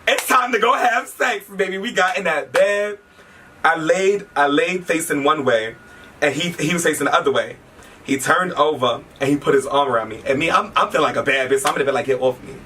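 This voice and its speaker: A man telling a personal story in casual chat, animated and quick to laugh, swearing freely. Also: a little high. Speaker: interviewee telling a shared story. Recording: distant mic with faint background noise.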